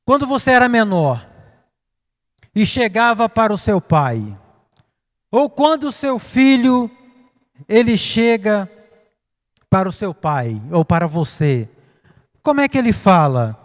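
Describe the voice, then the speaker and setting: A man with a Brazilian Portuguese accent preaching a sermon, dramatic, swinging from hushed to loud. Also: high-pitched, very animated, measured pace, pauses often. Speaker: pastor. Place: church. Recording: reverberant church hall.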